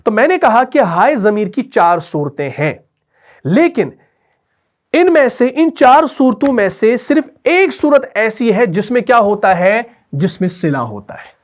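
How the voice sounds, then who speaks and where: A man's voice: high voice, big pitch swings. Patient male Urdu tajweed teacher. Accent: Pakistani Urdu. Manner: patient, repeats key rules and checks understanding with questions. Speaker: Quran recitation teacher. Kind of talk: tajweed lesson explained while writing on a board.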